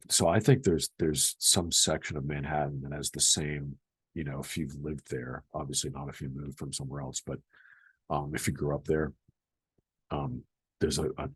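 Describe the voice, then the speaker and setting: A man from the Boston area with an American accent, talking casually and haltingly to camera as he explains something. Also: a bass voice, flat delivery, a bit bright, husky, no room sound, poor audio. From Boston area, United States. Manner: halting, repeats words, chuckling. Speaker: vlogger explaining regional accent.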